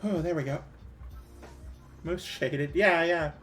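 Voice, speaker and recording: A woman's voice: low voice, slow pace, faint music behind. A woman with a Canadian accent, chatting casually with her viewers while gaming, rambling with fillers and small laughs. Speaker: streamer.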